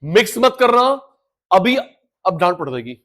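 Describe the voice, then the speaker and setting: High-voiced man drilling an economics class. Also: measured pace. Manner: energetic, drills students with call-and-response repetition; mixes Hindi and English terms. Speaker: economics teacher. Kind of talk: live class lecture.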